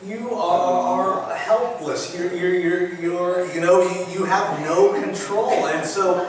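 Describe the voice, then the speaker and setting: A male pastor preaching, telling a story with lively acted-out dialogue. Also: sits high, slow pace, a little hiss or hum. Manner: animated storyteller, acts out phone calls. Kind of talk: sermon. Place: church sanctuary. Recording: echoey church from a distant mic.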